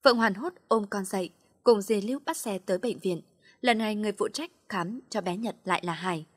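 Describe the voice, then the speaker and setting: Husky-voiced woman narrating a story. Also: medium pitch, brisk, no room sound, studio quality.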